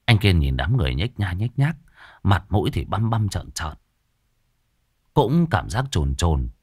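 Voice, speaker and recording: A man narrating a ghost story in an expressive, folksy storytelling manner. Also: deep voice, measured pace, husky, no room sound, studio quality.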